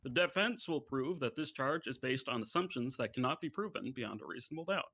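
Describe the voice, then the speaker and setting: Bright, forceful man as defense lawyer. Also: mid-range voice, expressive, fairly quick, vocal fry, husky. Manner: formal, declarative. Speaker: defense lawyer in a role-play court. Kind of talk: prepared courtroom speech in role-play.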